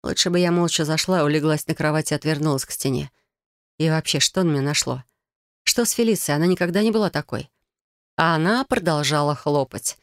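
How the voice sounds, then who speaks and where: Low-voiced woman narrating an audiobook. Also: fast talker, no room sound, clean studio sound. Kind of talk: first-person audiobook narration.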